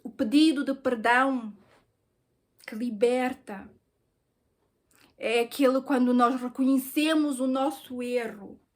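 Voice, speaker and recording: High-voiced European Portuguese woman testifying. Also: steady tone, takes it slowly, long pauses. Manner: earnest, emotional storytelling. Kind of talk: personal testimony.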